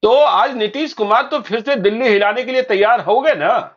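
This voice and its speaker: A man with a high voice hosts a political news discussion. He talks in a brisk, assertive manner, and the recording sounds a little dull and lo-fi. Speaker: news show host.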